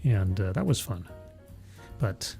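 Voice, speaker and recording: A livestream host in his 40s takes it slowly, his low voice creaky, warm and a little breathy, with lively intonation. Over soft background music he rambles in a casual chat with viewers and the live chat, laughing often and teasing himself.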